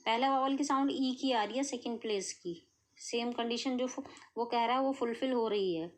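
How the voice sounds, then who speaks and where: With a fairly high pitch and normal speed, an Indian woman patiently breaks down shorthand step by step. She frequently asks "clear?" and says "okay" to confirm her students are keeping up.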